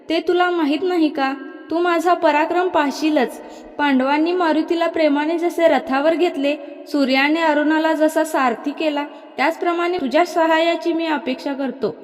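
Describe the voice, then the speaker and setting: A woman reading the lines of a calm, self-assured male yogi, a little lower than her narration, with long hall reverb. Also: moderate pace, lightly acted. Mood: calm confident.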